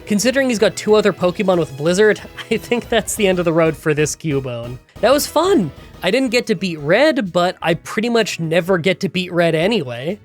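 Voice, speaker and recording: A gaming YouTuber, nasal and congested from a cold, records a close-mic voiceover recapping a game challenge. The mid-range voice is animated and brisk with few pauses, telling a chatty, rambling story over soft background music.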